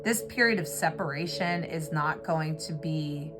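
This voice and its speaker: A woman giving an earnest, reflective tarot reading, pausing often with fillers, over a music bed. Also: sits low. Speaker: tarot reader. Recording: clear music bed behind voice. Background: background music.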